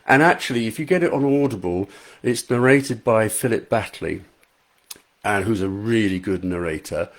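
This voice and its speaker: Speaking from a small, untreated home room through a high quality microphone, a man with a soothing, fairly low voice talks casually with viewers on a live stream. He responds to their comments with a warm, self-deprecating manner.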